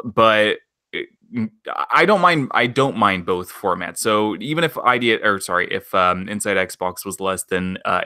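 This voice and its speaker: A low-voiced man chats as a podcast guest, filling his pauses with ums and uhs. His voice is bright and smooth. The sound is dry and close. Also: no echo. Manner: hesitant, many ums and uhs. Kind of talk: casual podcast chat.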